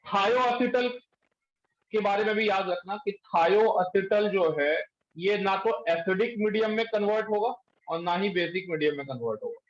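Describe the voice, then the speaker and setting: A male chemistry teacher lecturing a class in speech, quizzing students and pushing them to answer quickly. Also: high voice. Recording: echoey room, dull lo-fi sound.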